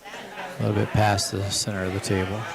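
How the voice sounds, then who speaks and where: Gravelly low-voiced man calling pool. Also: a little fast, over a noisy crowd. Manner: relaxed, explanatory, repeats phrases. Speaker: pool commentator. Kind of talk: live play-by-play commentary. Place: pool hall, one table from the players.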